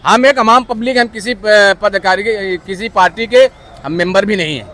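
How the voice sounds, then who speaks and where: A man, a social activist, arguing loudly and combatively in an outdoor street interview. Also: high voice. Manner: loud, combative, rapid-fire accusations.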